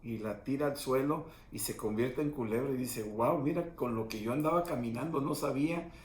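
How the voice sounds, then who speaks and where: Steady man pastor preaching. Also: mid-range voice, normal speed. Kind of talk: conversational sermon teaching. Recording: echoey room with faint noise.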